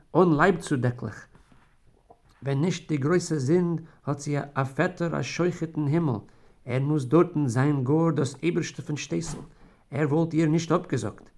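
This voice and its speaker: A man's voice: fairly high pitch, darkish tone. A man reading a story aloud in a solemn, theatrical way. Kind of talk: dramatic literary reading.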